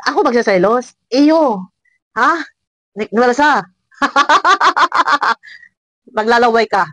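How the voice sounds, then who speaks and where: Woman reaction vlogger, high and bright, teasing and scolding with frequent laughs, faint music underneath. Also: expressive, slow, no room sound. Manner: mocking, scolding, laughs often.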